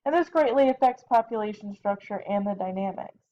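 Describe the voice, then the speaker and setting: A woman's voice: mid-range voice, lively intonation, a little fast. A tired woman biology teacher giving a chatty recorded lecture from home, correcting herself and adding casual asides. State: tired, yawning. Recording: dull lo-fi home recording with faint noise.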